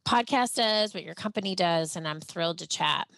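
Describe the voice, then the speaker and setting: A woman's voice: lowish voice, vocal fry, fairly bright tone, dry recording. Bubbly nasal American woman. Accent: Southern and Midwestern American. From United States. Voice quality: nasal twang. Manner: bubbly, effusive, quick asides. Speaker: guest. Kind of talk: casual interview chat.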